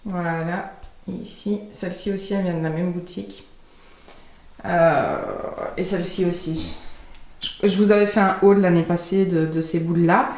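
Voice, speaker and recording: A woman's voice: fairly low pitch, steady tone, moderate pace, long pauses, a little mellow. A young woman gives a casual tour of her home, chatting and often searching for the right word as she shows things. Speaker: home decor vlogger. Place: indoors at home, walking room to room. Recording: roomy echo of a home room.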